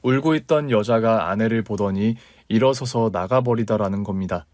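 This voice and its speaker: A man narrating a radio story calmly, retelling events he was told. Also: on the low side, moderate pace, no echo. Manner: calm, retelling secondhand.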